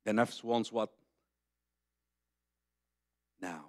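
Seated at a table on a conference hall stage, this older Egyptian preacher delivers an Islamic lecture in his native Arabic, speaking into a boom-stand mic. His voice is on the low side and darkish, at a moderate pace, with studio quality and no room sound. He talks to the audience directly, conversational yet emphatic, often repeating phrases.

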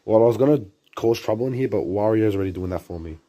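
A man voicing a bratty young turtle prince, speaking in a cocky, quick way. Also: on the low side, warm tone, voice pushed down, lightly acted.

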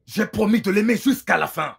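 A man's voice: high-pitched, brisk, creaky, a bit bright, husky, heavily acted. An actor dubbing a devoted, earnest husband in a film, emphatic when he protests. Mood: indignant. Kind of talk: French film dub.

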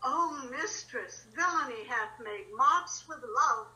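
A woman's voice: high voice, expressive, slow, bright, forceful tone, full character voice, rough recording. A woman reading the part of a loyal, outspoken lady's maid in an online Shakespeare reading, with emphatic, impassioned delivery. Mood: defiant. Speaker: reader in an online play reading. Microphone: video call.

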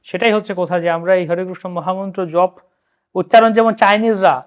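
A man with a Bengali accent hosting a devotional discussion, explaining in a lively storytelling way. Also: high-pitched, fast, clean tone. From India. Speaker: host.

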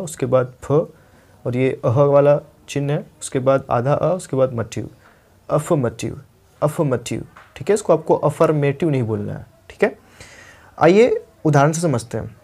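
Young male tutor, slightly raised pitch, patient, slow repetitions for pronunciation drills. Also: gravelly, darkish tone. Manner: repeats words slowly to model pronunciation; explanatory, checks in with "thik hai" often. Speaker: English teacher. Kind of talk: spoken English lesson.

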